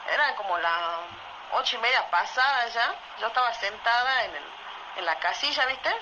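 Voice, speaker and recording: A woman with an Argentine accent from Salta, telling a true story in a voice message in a lively way, often asking "¿viste?". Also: mid-range voice. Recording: muffled voice message with loud noise.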